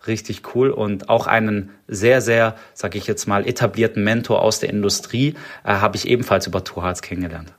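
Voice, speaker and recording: A man's voice: on the low side, fairly even intonation, brisk, hardly any pauses. A young man from Stuttgart with a slight Swabian accent, a startup founder talking casually in an interview, rambling with many fillers and restarts. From Stuttgart, Germany. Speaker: startup co-founder, podcast guest.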